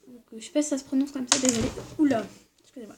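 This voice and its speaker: A high-voiced woman chats to camera as a vlogger, excitable and gushing, filling her talk with little fillers. A steady hiss of noise sits under the recording. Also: rapid-fire. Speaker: vlogger showing Christmas presents. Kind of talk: casual chat to camera. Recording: noisy background hiss.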